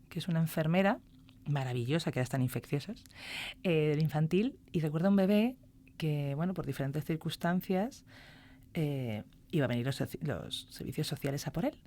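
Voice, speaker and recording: A woman's voice: sits low, a little fast, dark tone. A woman, a music therapist chatting as a podcast guest, telling stories and acting out quoted dialogue. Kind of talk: casual podcast interview.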